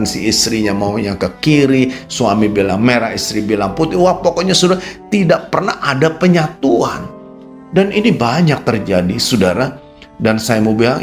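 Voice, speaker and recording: Indonesian pastor preaching on the radio. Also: male voice. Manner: addresses listeners as "Saudara" constantly; swings from low quiet asides to raised emphatic peaks. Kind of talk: radio sermon. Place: radio studio.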